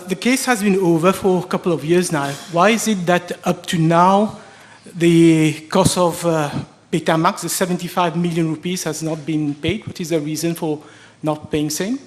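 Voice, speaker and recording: A man with a Mauritian accent giving a formal, pointed parliament speech as a member questioning a minister. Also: sits high.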